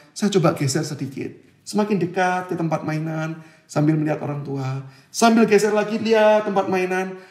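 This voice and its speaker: Guy preaching a sermon in an echoey church hall, tells stories, does the voices. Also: fairly high pitch. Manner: storytelling, acting out quoted voices.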